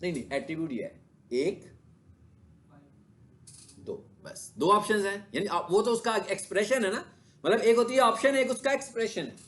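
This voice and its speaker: A man's voice: sits high, lively intonation, moderate pace, pauses often, a bit bright. A male instructor giving a classroom lecture with a screen demo, often asking his students questions and then answering them himself. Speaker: digital marketing instructor.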